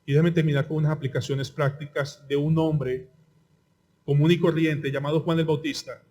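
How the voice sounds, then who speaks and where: Impassioned Colombian pastor preaching. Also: male voice, on the high side, level tone, moderate pace. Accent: Colombian Spanish. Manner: impassioned preaching, rhetorical questions, swings from loud to quiet. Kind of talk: sermon.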